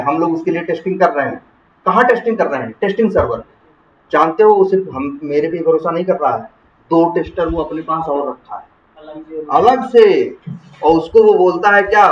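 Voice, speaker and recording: A man teaching software testing in to a class, asking questions and answering them himself. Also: on the high side. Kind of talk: classroom lecture. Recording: roomy, distant, muffled classroom recording.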